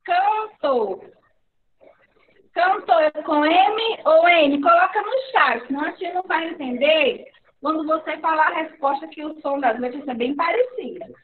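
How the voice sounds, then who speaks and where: A woman with a Brazilian accent teaching young children in an online class, patiently repeating words slowly in a sing-song way. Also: sits high. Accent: Brazilian Portuguese. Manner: slow, patient, sing-song word repetition. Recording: echoey, distant, phone-like online class audio.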